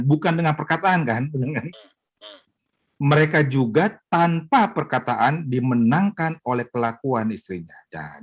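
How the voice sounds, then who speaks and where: A middle-aged man, a pastor, teaching a Bible study in a lively, joking way, acting out wives' prayers. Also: on the high side. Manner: animated, joking, mimics wives praying.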